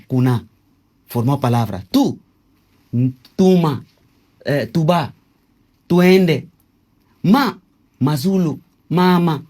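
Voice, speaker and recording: A man, speaking in a husky, slightly breathy voice. He teaches as he talks and slows down to sound out words syllable by syllable, with frequent hesitations. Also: medium pitch, a little mellow. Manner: didactic, spells out Kikongo words syllable by syllable with many hesitations. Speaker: interviewee, self-proclaimed traditional king. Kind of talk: explanatory interview answers.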